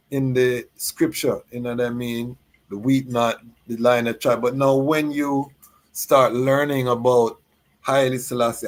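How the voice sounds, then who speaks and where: A man hosting a live talk show, asking questions in a halting way with many fillers. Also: medium pitch. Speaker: host. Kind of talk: conversational interview.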